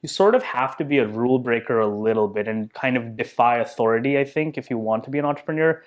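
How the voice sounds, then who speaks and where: A male podcast guest from India, in his thirties, talks fast at a medium pitch during a casual interview. Easygoing and humble, he thinks aloud, sounding thoughtful and self-deprecating with lots of fillers.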